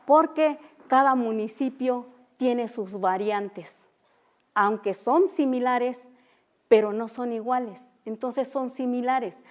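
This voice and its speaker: A young woman who speaks Mixtec natively, teaching an unscripted language class in an auditorium, halting with many fillers and repeating example sounds. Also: fairly high pitch, a little mellow. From Oaxaca, Mexico. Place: university auditorium.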